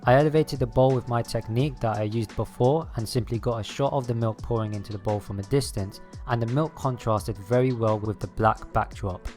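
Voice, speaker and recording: A man's voice: medium pitch, a little fast, few pauses, darkish tone. A man reading a scripted voice-over as a video creator, explaining his process step by step. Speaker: video creator narrating his own making-of. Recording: music behind the voice. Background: background music.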